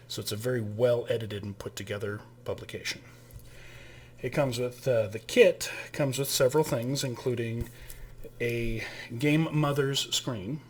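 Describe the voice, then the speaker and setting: Over slight background noise, a medium-pitched man who hosts his own channel and works as a game master gives a casual spoken overview of a tabletop game kit. His delivery is full of fillers and restarts.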